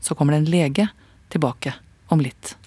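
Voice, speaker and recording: A man narrating a radio documentary in a calm, measured, scripted way. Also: on the high side, slightly rough, no echo.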